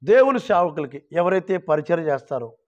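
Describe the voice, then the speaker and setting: A male pastor preaching a sermon, reading scripture slowly and calling on the church to shout hallelujah. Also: fairly high pitch, big pitch swings, highs cut off. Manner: calls for loud hallelujahs, rising to shouts; drawn-out quoting of scripture verses.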